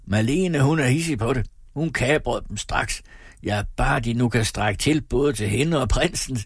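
A man's voice: mid-range voice, creaky, slightly rough, no room sound, clean studio sound, voice pushed up. A man voicing a fat, coarse merchant who jeers and gossips in a raised voice. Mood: jeering.

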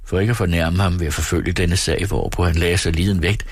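Husky man narrating a classic novel. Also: sits low, steady tone, dry recording, studio quality. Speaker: audiobook narrator. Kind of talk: first-person literary narration.

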